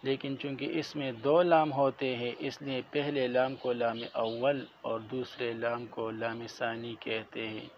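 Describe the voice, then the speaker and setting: A man teaching a classroom lecture, explaining each point methodically and repeating terms slowly. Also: mid-range voice. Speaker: religious studies teacher. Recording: dull lo-fi audio with faint noise.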